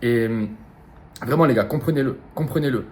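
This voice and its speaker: A man giving a rapid, insistent motivational monologue as an online business coach, repeating himself and swearing casually. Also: mid-range voice. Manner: fast, insistent, repetitive, slangy and profane.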